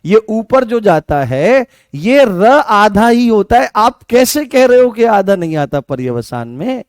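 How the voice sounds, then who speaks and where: A man's voice: sits high, big pitch swings, unhurried, no echo, clean studio sound. A man with a Rajasthani Hindi accent giving an online exam-prep grammar lesson, repeating points, quizzing students and calling them "beta". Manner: repetitive, coaxing, asks students questions and calls them beta; answers viewer comments by name. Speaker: teacher.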